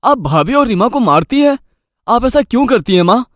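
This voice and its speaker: A man's voice: very high-pitched, sing-song, normal speed, no echo, studio quality. A man voicing an earnest young husband in a cartoon, speaking firmly and with concern. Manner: firm, concerned.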